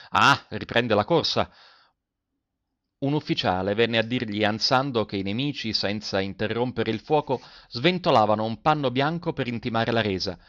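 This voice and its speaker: A man reading a story aloud as a narrator, expressive and building tension in the action scenes. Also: mid-range voice, no echo. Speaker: audiobook narrator. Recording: dull, dry lo-fi recording.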